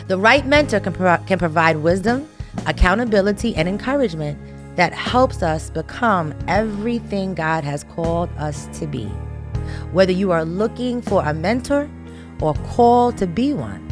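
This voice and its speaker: A woman hosting a faith-based talk show, encouraging listeners in a casual, preacherly way. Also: mid-range voice. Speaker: host.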